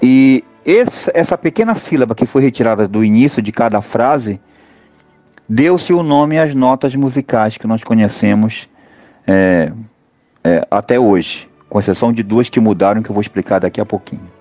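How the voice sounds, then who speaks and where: A Brazilian man teaching an online music seminar, talking in a halting way with many fillers and tag questions. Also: lowish voice, expressive, dark tone, dry recording. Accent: Brazilian Portuguese.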